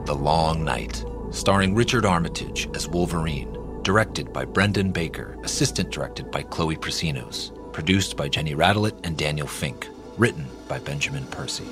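Low voiced guy reading the credits, music underneath. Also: expressive, normal speed. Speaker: credits announcer. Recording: music bed behind voice.

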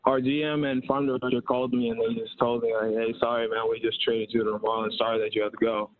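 A young man from the Bahamas, a baseball player, answering interview questions in a relaxed, laid-back way. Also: medium pitch, fast talker, no room sound. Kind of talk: casual interview. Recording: tinny phone line.

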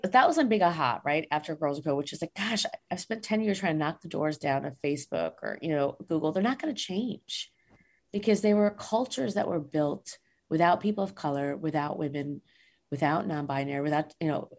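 Woman guest, emphatic and fired up, husky tone. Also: low-pitched, lively intonation, a little fast, darkish tone. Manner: passionate, emphatic, asks "right?" often. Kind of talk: casual conversation.

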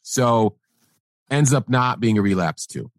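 A man's voice: mid-range voice, animated, unhurried, no echo, clean studio sound. A man interviewing conversationally, explaining background in a matter-of-fact way. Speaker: interviewer with music industry experience.

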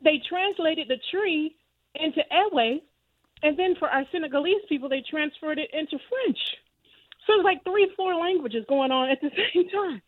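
A woman calling into a radio show, telling a story with animated enthusiasm over the phone. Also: sits high, normal speed, no room sound. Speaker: caller. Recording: phone line.

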